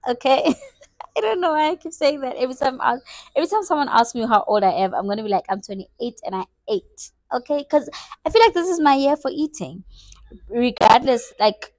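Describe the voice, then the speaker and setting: A woman's voice: sits high, very animated, brisk, a little mellow, no echo. Chatty South African woman in her twenties. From South Africa, Eastern Cape. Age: 20s. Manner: chatty, playful, self-mocking. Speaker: vlogger. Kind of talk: casual get-to-know-me vlog.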